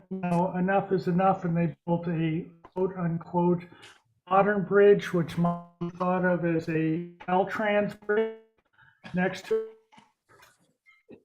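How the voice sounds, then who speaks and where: A man's voice: sits high, darkish tone. Guy running a board meeting over a conference call, muffled lo-fi audio, faint music behind. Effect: conference call audio, breaking up. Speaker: board chair. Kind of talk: chairing an online meeting.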